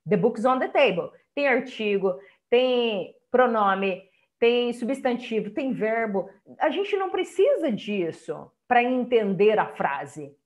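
Chatty Brazilian woman teaching online. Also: on the high side. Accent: Brazilian Portuguese. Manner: explanatory, chatty, many checking tags like "tá?" and "ó". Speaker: English teacher giving a webinar talk. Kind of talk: online lecture.

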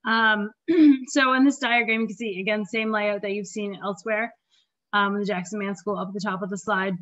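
A woman presenting park design options over slides, losing her voice and often clearing her throat between fillers. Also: mid-range voice, fairly even intonation, moderate pace, a bit bright. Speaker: park planner presenting at a community meeting. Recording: dull lo-fi meeting audio.

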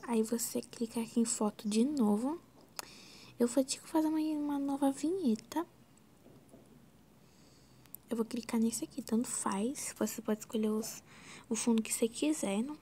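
A Brazilian woman walking through a video editing tutorial in a casual, scattered way, often sinking into a soft whisper and exclaiming to herself. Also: fairly high pitch, moderate pace, long pauses, slight background noise. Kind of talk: casual screen-recorded tutorial.

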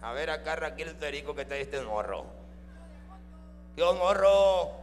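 A man's voice: fairly high pitch, measured pace, big-room sound, over music, pitched below the performer's own voice, natural voice. A man voicing a foul-mouthed male puppet who roasts the crowd with vulgar jokes, in a Mexican accent. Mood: mocking. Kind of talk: live ventriloquist comedy.

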